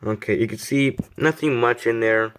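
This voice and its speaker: A man's voice: medium pitch, moderate pace, a bit bright, smooth. A young man casually reviewing a model car, rambling, repeating himself and poking fun at himself. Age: young adult. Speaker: die-cast model reviewer.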